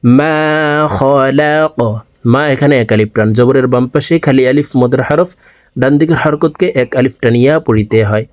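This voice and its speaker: A man with a Bangladeshi Bengali accent teaching Quran recitation word by word, drawing out the recited words and then explaining the rules more briskly. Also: mid-range voice, a little mellow, dry recording. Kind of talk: slow recitation lesson.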